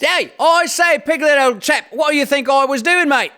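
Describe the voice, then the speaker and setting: A man voicing an excitable little male kangaroo, squeaky and boastful. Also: normal speed.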